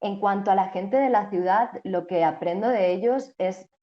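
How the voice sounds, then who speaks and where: A young Spanish woman, a TV journalist and co-host, answers interview questions thoughtfully in a Spanish accent. Her medium-pitched voice moves at a moderate pace, with frequent restarts and fillers, and the recording has its highs cut off.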